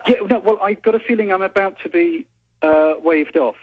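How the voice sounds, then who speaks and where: A man's voice: high voice, normal speed, husky. An English man calling in by phone from a police station, flustered, apologetic and wry. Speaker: reporter calling in. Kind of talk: phone interview. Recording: dull phone line, noisy crowd.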